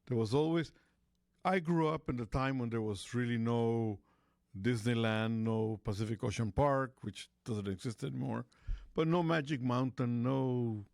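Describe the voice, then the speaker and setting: A man's voice: medium pitch, moderate pace, vocal fry, darkish tone, no echo, studio quality. A man from Costa Rica hosting a talk radio show, rambling in casual chat with lots of fillers and restarts.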